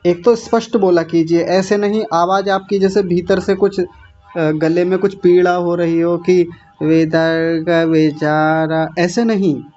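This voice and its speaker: A man teaching a class, drilling each word slowly syllable by syllable and correcting his learners' pronunciation. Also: sits high, steady tone, dark tone. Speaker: teacher of a Sanskrit recitation class. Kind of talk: online class teaching recitation. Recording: dull lo-fi sound with faint music.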